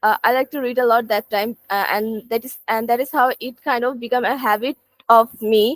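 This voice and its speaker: A woman answering speaking-test practice questions, hesitant and halting. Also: fairly high pitch, fairly even intonation, no echo. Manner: hesitant, many fillers and restarts. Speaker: student.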